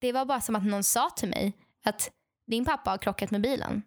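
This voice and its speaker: A young woman tells stories in an easy, chatty way, her voice sitting a little high. She lively acts out what other people said and fills the pauses with plenty of ums. The recording is dry and close, with no room echo. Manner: animated, acts out quoted dialogue; frequent fillers and restarts. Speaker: podcast co-host telling stories. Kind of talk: casual storytelling chat.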